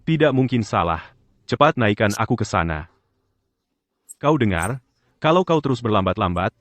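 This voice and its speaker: A man's voice: on the low side, no echo, natural voice. A man dubbing an arrogant bully with a broken leg, sneering and threatening. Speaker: dub actor. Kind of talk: dubbed drama acting.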